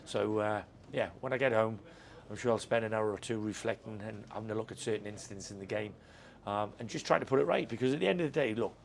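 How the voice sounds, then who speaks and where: In a post-match interview at a football stadium, a club manager speaks frankly and reflectively, often repeating words as he thinks. His voice is fairly low with vocal fry, and he talks fast.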